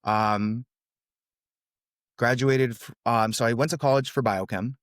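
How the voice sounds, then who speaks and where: The podcast guest, a man in his twenties from California, USA, who grew up speaking Russian, recounts his story in an earnest, easygoing way, often saying "um" and "brother." His medium-pitched voice stays fairly even and measured, captured in a dry, studio-quality recording.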